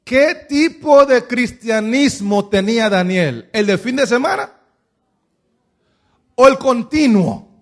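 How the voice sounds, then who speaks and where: A man's voice: very high voice, animated, slow. A man preaching a sermon as pastor, pressing his listeners with one rhetorical question after another.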